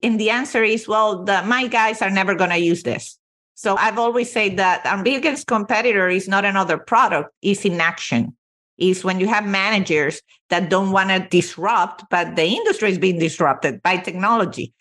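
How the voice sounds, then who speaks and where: A woman's voice: mid-range voice, moderate pace, a bit bright. A woman from Venezuela, a company CEO, telling her career story with earnest emphasis as a podcast guest. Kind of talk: podcast interview.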